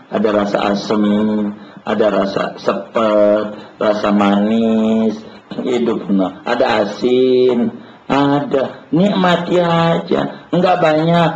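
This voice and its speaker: A man's voice: medium pitch, darkish tone, a little hiss or hum. A man giving a casual sermon to a study group, teasing the listeners with repeated questions. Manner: questions the audience over and over, teasing and chatty. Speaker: preacher. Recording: roomy, muffled hall recording.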